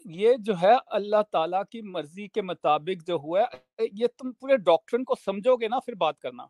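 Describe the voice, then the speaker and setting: A man arguing in a heated debate, defensive and halting, slipping English phrases into his speech. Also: high voice, lively intonation, a little mellow, no room sound, clean studio sound.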